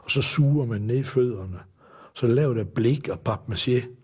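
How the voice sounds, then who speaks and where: A man hosting a satirical show, talking casually and haltingly, with mild swearing. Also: mid-range voice, darkish tone, breathy edge. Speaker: host.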